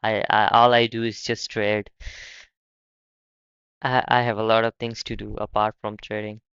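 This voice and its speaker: A young man from Pakistan chats casually on a live stream, stumbling and repeating words as he goes. His voice is smooth and close, with no room sound, though the audio is a little dull. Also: fairly low pitch, level tone, fairly bright tone, no echo. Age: young adult. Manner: halting, repeats words often. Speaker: livestream host.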